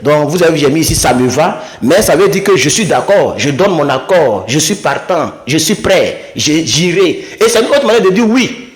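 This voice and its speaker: Lively man teaching at a whiteboard. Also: normal speed. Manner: lively, acts out little dialogues in a higher voice. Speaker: English teacher. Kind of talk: casual video lesson at a whiteboard. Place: room with a small whiteboard.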